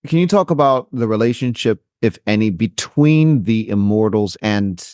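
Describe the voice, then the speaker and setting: A man's voice: on the low side, animated, moderate pace, darkish tone, dry recording, studio quality. A man hosting an interview, asking brief, polite questions. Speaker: podcast host.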